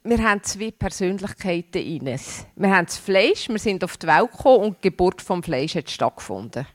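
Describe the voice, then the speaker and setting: A woman gives an informal devotional talk to a church group, her voice low-pitched. She speaks earnestly and without hurry, now and then stopping to restart a word. The recording is close and dry, with no room sound. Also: big pitch swings, no echo. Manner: earnest, unhurried, sometimes hesitant with restarts.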